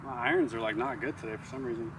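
A man's voice: medium pitch, rapid-fire. A man vlogging a round of golf, chatting casually and talking through his shots. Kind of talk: casual chat while golfing. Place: outdoor golf course. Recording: distant mic with loud outdoor noise.

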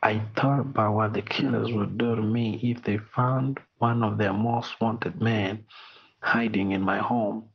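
A middle-aged Rwandan man reading a personal apology in a slow, solemn, measured way, heard over muffled video call audio. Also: on the low side, gravelly, husky. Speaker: interview guest.

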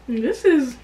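A woman's voice: high voice, mellow. A woman vlogger talking while chewing in a casual, giggly taste-test chat. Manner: chatty, giggly. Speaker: vlogger tasting snacks. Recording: distant from mic, faint background noise.

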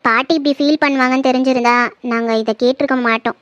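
A woman's voice: sits high, fairly even intonation, fast, no room sound, lo-fi sound, natural voice. A woman voicing a kind, curious young woman in a cartoon, talking earnestly. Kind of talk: cartoon voice acting.

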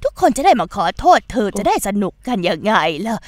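Coaxing family matriarch. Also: female voice, mid-range voice, very animated, fairly quick, no echo. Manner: coaxing, gently chiding. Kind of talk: dubbed series dialogue.

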